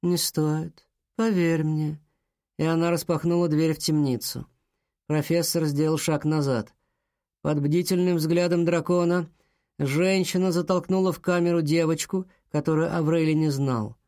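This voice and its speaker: A man narrating a children's adventure audiobook in a measured storytelling delivery. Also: fairly high pitch, steady tone, darkish tone, dry recording, studio quality.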